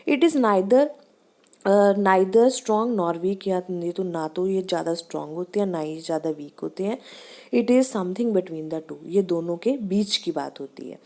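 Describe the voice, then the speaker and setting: A woman teacher giving a pronunciation lesson, reading English lines and explaining them in Hindi, drawing out each example word slowly to show the stress. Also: lowish voice, mellow.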